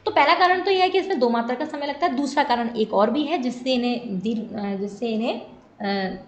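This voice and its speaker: High-pitched lady teacher, asks and answers her own questions, echoey room. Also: brisk, slight background noise. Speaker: Sanskrit teacher. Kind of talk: exam-prep lesson.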